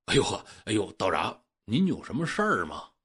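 A man voicing a worried, kind-hearted old farmer who stammers and exclaims in a husky voice. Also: on the low side, wildly swooping pitch, brisk, a bit bright, voice pushed down, full character voice. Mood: fretful. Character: old male farmer, anxious and good-hearted.

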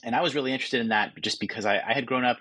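A Californian author in his forties, appearing as a guest, answers interview questions thoughtfully, often restarting sentences and using fillers. His mid-range voice is very fast, pushed and bright, on poor audio with no room sound.

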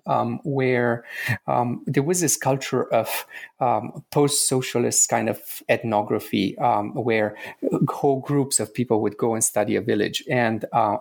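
Gravelly, husky-voiced man from Romania. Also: medium pitch, steady tone, unhurried, darkish tone. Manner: hesitant, many fillers and restarts. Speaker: anthropology professor, guest author. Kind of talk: podcast interview.

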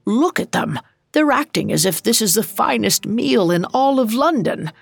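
A woman's voice: a little high, very animated, normal speed, vocal fry, breathy edge, no echo, soft background music, exaggerated voice. A woman voicing an old miserly man who speaks in a hesitant, pleading way.

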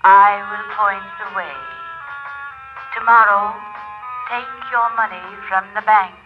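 An actress playing a dead mother's spirit in a slow, doting ghost voice, in old radio drama style. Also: medium pitch, fairly even intonation, close to an everyday voice. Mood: tender, worried. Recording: dull lo-fi old radio recording, loud music.

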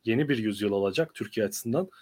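Male host for a political interview stream, lowish voice, slightly strained from being unwell, conversational delivery. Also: animated, fast talker, darkish tone, husky.

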